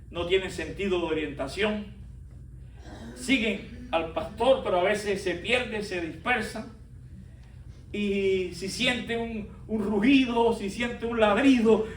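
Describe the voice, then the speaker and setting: A man preaching a sermon as pastor, speaking with emphatic pauses and rising stresses. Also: high-pitched, fairly bright tone, a little hiss or hum. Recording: roomy echo from a distant mic.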